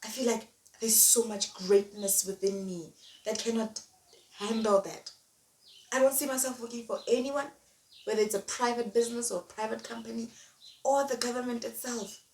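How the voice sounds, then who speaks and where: A woman's voice: a little high, steady tone, moderate pace, darkish tone. Young woman, emphatic motivational talk, distant mic with room echo. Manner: emphatic, repeats key phrases. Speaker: vlogger. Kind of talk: motivational monologue. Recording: echoey room, distant mic, faint noise.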